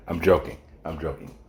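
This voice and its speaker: Low and somewhat dark in tone, this man runs a solo podcast and keeps things casual and playful with his listeners. Faint music and an echoey room fill out the recording.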